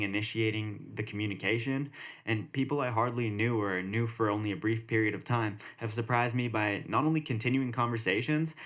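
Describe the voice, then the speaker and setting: Young guy hosting a podcast, lowish voice, kinda sarcastic then sincere. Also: fairly bright tone. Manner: sarcastic, then earnest and reflective. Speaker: podcast host. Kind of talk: podcast monologue and interview.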